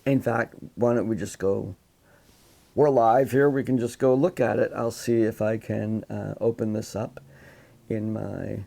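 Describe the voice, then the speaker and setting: A male psychology instructor lecturing live over his computer mic. His voice is mellow and dark, with a gravelly edge, and he rambles casually, doubling back on his words as he explains. The delivery is loose and conversational. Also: lowish voice, fairly even intonation, unhurried. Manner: casual, rambling with restarts, demonstrates sounds with his voice. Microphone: computer microphone.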